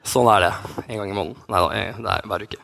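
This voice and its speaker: A man's voice: fairly low pitch, gravelly, bright, forceful tone. A man in his thirties, a youth pastor, telling a personal story in a sermon with many restarts and fillers. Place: church hall.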